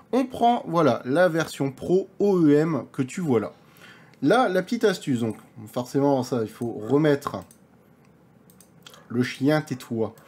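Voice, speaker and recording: Husky man narrating a tutorial. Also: mid-range voice, darkish tone. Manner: chatty, informal, addresses viewer as tu and vous. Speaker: tech tutorial youtuber. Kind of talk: casual screen-recorded tutorial. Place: home, dog nearby.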